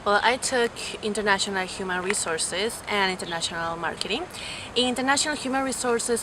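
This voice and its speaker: A young woman from Peru answering interview questions about her studies and work, fluent but with frequent fillers and restarts. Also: mid-range voice. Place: outdoors on a university campus. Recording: clear background noise.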